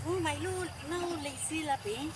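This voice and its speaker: High-voiced woman coaxing her dogs. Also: a little slow. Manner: coaxing baby talk to dogs, mixing Tagalog and English. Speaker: vlogger and dog trainer. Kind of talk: casual chat with dogs outdoors. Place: park outdoors. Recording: outdoor noise behind.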